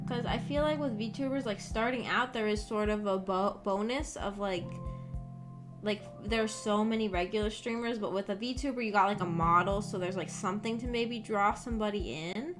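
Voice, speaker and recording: A woman VTuber has a casual livestream chat with her viewers, thinking aloud in a rambling, hesitant way. Her voice is medium in pitch and moderate in pace, and background music plays.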